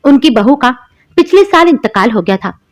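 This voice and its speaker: A woman's voice: high voice, sing-song, normal speed. A woman voicing a harsh, spiteful sister-in-law who taunts and scolds in a cartoon story. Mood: urging. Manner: sharp, taunting.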